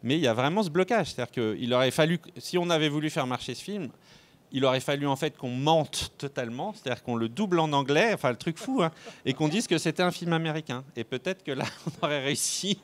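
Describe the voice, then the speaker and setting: Higher-voiced man discussing on a panel. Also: expressive, fast. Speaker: panelist, film professional.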